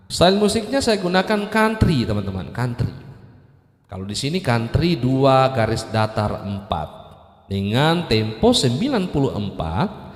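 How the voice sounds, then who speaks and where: A man hosting a keyboard tutorial, explaining step by step in a casual way and often stopping with fillers. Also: mid-range voice. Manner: addresses viewers as friends, explains step by step with fillers. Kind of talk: casual instructional talk. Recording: roomy echoey sound with keyboard music behind. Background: church keyboard accompaniment playing.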